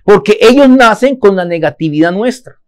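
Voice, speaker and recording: A man's voice: high voice, animated, normal speed, clean tone. A man teaching a Torah lesson, asking his listeners questions and answering them himself.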